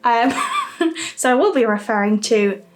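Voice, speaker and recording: A woman's voice: fairly high pitch, animated, unhurried. A young woman talking casually to camera for her vlog, chatty and candid with little asides, audibly out of breath. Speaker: vlogger.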